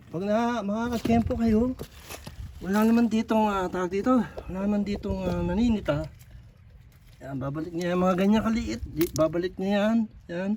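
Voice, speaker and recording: A man vlogging outdoors on a rocky shoreline at low tide, talking chattily to his viewers and slightly out of breath. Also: darkish tone, a little hiss or hum. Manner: chatty, repetitive, addresses viewers constantly. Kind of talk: casual on-the-spot vlog narration. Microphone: camera on a tripod.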